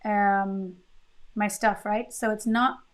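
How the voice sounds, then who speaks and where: A woman's voice: medium pitch, level tone, slow. A woman hosting a live-coding stream, thinking aloud in a casual, chatty way with fillers and restarts.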